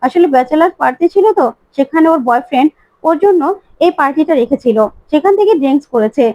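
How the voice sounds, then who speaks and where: A woman's voice: high voice, expressive, fast talker, mellow, no echo, muffled recording. A woman voicing a young daughter who soothes her mother and explains. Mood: soothing.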